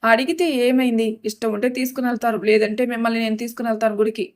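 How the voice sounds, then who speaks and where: A woman's voice: a little high, fairly even intonation, very fast, natural voice. Woman narrator doing chatty caring maid, audio storybook, coaxing delivery. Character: older housemaid, caring and chatty.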